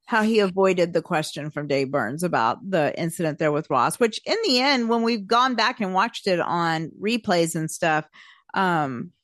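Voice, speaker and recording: A woman's voice: on the low side, no echo, clean studio sound. A woman co-hosting a casual talk show, chatty and a little hesitant, often laughing between points. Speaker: podcast co-host. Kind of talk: casual chat.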